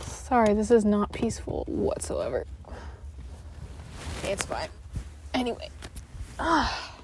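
A woman's voice: medium pitch, very animated, slow pace, background noise. A young adult woman hosting a casual solo podcast, rambling and apologetic as she interrupts herself. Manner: scatterbrained, self-interrupting, apologetic. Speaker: podcast host. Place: bedroom at home.

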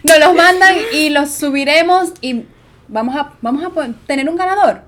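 A woman's voice: high voice, moderate pace. A woman, chatting on a vlog and leading the game in a bossy, playful way. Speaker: vlogger. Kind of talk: casual chat.

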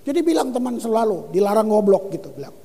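A man preaching a lively sermon as pastor, reading scripture and exclaiming. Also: sits high, fast talker, in a large hall. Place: church hall.

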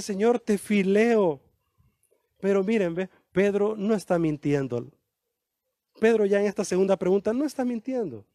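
High-voiced, animated male preacher. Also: dry recording, studio quality. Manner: animated preaching, acting out quoted dialogue with slow emphatic lines. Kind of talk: sermon.

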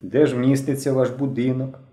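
A man's voice: medium pitch, wildly swooping pitch, fast talker, mellow, echoey room, pitched above the performer's own voice. A man voicing an earnest boy club leader. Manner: earnest and wary.

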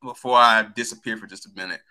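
A man's voice: fairly low pitch, fairly even intonation, quick pace, pushed and bright, smooth, rough recording. A man in slangy podcast banter, ranting bro-style with emphatic swearing. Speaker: co-host of a sports talk podcast.

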